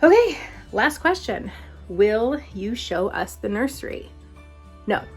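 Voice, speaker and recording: A woman's voice: fairly high pitch, very animated, slow, husky, faint music behind. A young pregnant woman casually answering viewer questions in a vlog, chatty and laughing often, a little out of breath. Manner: chatty, frequent laughs and filler words. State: heavily pregnant, a bit out of breath.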